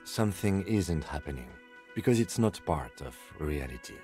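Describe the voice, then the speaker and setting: A man voicing a calm, dry-witted police lieutenant in a video game, measured and precise, with deadpan sarcasm. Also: low voice, soft background music.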